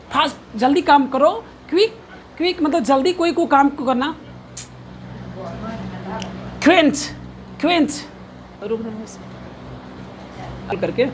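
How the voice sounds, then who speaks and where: A woman's voice: high voice, a little hiss or hum. A woman teacher giving a pronunciation lesson, explaining words and drilling each one aloud over and over, asking and answering her own questions. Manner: drills each word by repeating it many times, asks and answers own questions. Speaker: English teacher.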